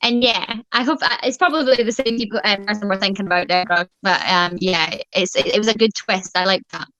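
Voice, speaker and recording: A woman's voice: mid-range voice, a little fast, fairly bright tone, highs cut off, slight background noise. A woman chatting casually about books, gushing, laughing often and swearing freely. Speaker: book club host. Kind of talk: casual book chat.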